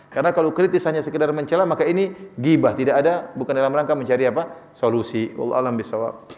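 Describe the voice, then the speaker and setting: A man preaching in a conversational, playful way, answering listeners' questions and acting out short dialogues. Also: mid-range voice. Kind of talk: Islamic study sermon with Q&A. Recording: long hall reverb.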